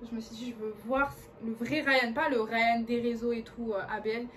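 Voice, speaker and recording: A young woman with a fairly high voice chats and giggles through a casual couple Q&A, often cutting in over her partner. She sits some way from the mic, and a clear background hiss runs under her voice. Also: little pitch movement, normal speed, fairly bright tone, distant mic. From France. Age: young adult. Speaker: co-host. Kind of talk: casual chat.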